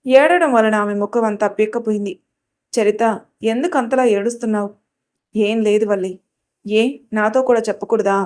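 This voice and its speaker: A woman's voice: mid-range voice, normal speed, pauses often, a little mellow. A woman narrating a family drama audio story, reading all the characters' dialogue herself with only small changes in her voice. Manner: reads every character's dialogue in her own voice with small shifts.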